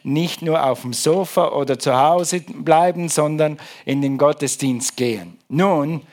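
A man preaching from the pulpit, his fairly high voice swinging with emphasis. He prays, then drives his message home with question after question to the congregation. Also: unhurried. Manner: lively, emphatic, rhetorical questions. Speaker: pastor. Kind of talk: sermon.

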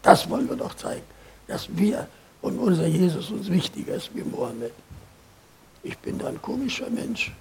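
An older man preaching a sermon, telling stories in a lively way, booming for emphasis and then dropping to quiet asides. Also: moderate pace, vocal fry, slightly rough.

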